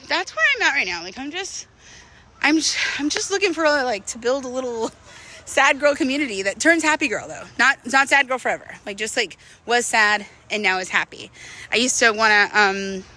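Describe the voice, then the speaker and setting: A fairly high, bright voice with real force behind it belongs to a woman in her thirties. She's a vlogger rambling candidly in slang, as though filming a casual confessional walk.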